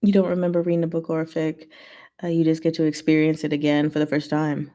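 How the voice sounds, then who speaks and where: Low-pitched and mellow, her voice moves fast in a level tone as she hosts a livestream. She reads out viewer comments and responds, keeping things informal and giggly.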